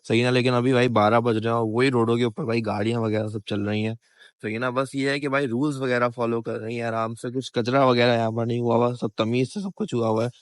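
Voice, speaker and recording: A man's voice: medium pitch, flat delivery, fast, no room sound. Chatty young Pakistani man vlogging. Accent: Pakistani Urdu. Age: young adult. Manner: chatty, keeps asking "right?" and calling viewers "bhai". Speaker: travel vlogger. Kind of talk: casual travel vlog. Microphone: handheld phone.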